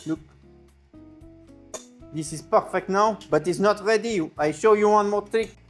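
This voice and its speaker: A man playing an excitable French chef with a French accent, giving a casual, exclamatory step-by-step cooking tutorial. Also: high voice, unhurried, soft background music. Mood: lively, enthusiastic. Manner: exclamatory, sprinkles in French interjections and kitchen sound words. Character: excitable French chef, a man, teaching soufflé with fussy delight. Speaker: cooking show presenter.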